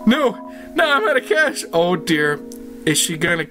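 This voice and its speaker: A woman commentating her game playthrough, jokey and excitable, yelping and laughing. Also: fairly low pitch, measured pace, faint music behind. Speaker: let's play gamer. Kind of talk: gaming commentary.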